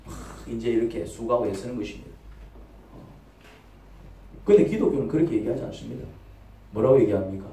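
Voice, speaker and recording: Speaking far from the mic in an echoey church hall, a pastor preaches with a medium-pitched, warm, creaky voice. He is animated and fairly quick yet takes long pauses, firing rhetorical questions and acting out short quoted voices.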